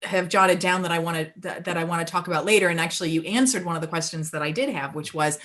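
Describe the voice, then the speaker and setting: A woman's voice: on the low side, fast, fairly bright tone. Woman moderating an author panel. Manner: friendly, affirming, lots of "mm-hmm".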